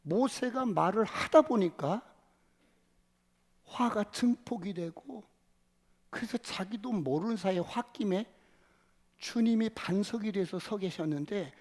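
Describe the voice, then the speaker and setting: A male pastor preaching a sermon, telling the story vividly, sometimes shouting the crowd's cries and whispering inner thoughts. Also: high-pitched, unhurried, pauses often, long reverb tail.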